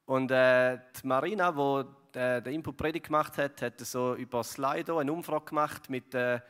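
Preaching in a chatty style, this Swiss German-accented pastor keeps dropping in fillers and tags like "gell" and "oder." He speaks at normal speed in a medium-pitched voice with a fairly bright, clean tone, and the hall adds a long reverb.

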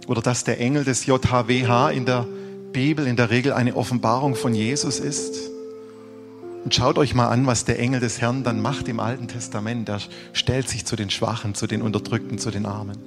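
A man preaching a sermon earnestly, rising for emphasis and dropping to hushed, dramatic lines. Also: mid-range voice, fairly even intonation, brisk, big-room sound, over music. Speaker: pastor.

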